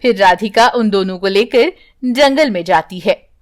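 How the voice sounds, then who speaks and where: A woman narrating a children's story in a measured, scripted storytelling manner. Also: mid-range voice.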